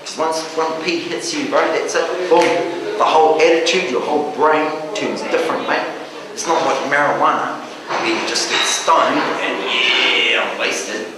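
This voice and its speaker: A man's voice: on the high side, moderate pace, over a noisy crowd. A man with a broad New Zealand accent telling stories in casual, blunt, repetitive slang full of bro and mate. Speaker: arrested member of the public. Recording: echoey hard-walled room with loud voices around.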